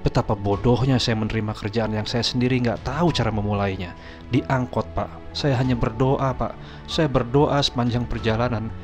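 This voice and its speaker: A humble young assistant, earnest and deferential, telling his story politely, as a man puts him on. His voice sits in an ordinary middle pitch. Music plays clearly behind him. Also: close to an everyday voice. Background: background music.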